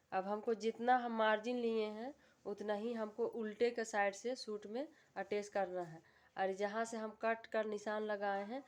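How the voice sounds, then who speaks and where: A woman giving a calm, step-by-step sewing tutorial, repeating her instructions patiently. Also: medium pitch. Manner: calm, repetitive instructional voice-over.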